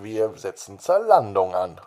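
A storybook narrator voicing a formal male announcer speaking over a loudspeaker. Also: lowish voice, very animated, a little slow. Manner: stiff, formal announcer phrasing.

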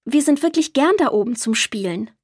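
A woman reading aloud, voicing an earnest, polite young girl in a higher, pleading tone. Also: lively intonation, brisk, husky, no room sound, clean studio sound. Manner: pleading, higher-pitched girlish voice.

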